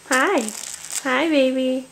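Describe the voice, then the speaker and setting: Parent woman, gentle baby talk, very unhurried and high-pitched. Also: vocal fry, a little hiss or hum. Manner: slow, soft, cooing and encouraging.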